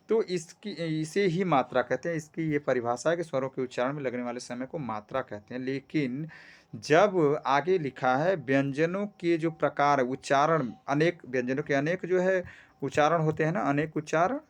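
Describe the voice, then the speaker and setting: A man teaching a grammar lesson, explaining step by step, often checking in with "theek hai" and stretching vowels to demonstrate sounds. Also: fairly high pitch. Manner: explains slowly with frequent "ठीक है" checks.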